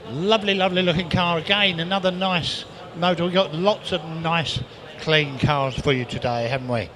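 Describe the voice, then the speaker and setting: A man's voice: on the high side, fairly bright tone. A man with an English accent working as an auctioneer, giving a live auction patter with repetitive bid calls and chatty asides. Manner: rapid repetitive calling of bids, chatty asides. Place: live car auction, amplified to bidders. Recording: live auction sound with clear background noise.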